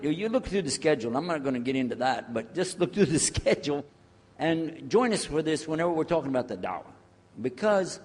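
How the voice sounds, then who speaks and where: Chatty man lecturing in a reverberant hall. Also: fairly high pitch. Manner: jokey, chatty, checks in with the audience. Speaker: speaker on Islamic outreach. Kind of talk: casual lecture to a live audience.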